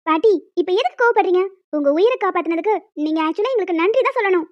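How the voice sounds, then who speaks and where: A woman's voice: extremely high pitch, lively intonation, fast talker, no echo, muffled recording. A woman voicing a group of cheeky, chatty schoolgirls in a cartoon. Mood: explaining. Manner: chatty, teasing.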